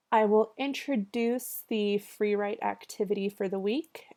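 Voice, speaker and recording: Slow, mellow-voiced woman lecturing. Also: mid-range voice. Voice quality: nasal from allergies. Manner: conversational, many ums and check-ins. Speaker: college writing instructor. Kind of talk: recorded video lecture.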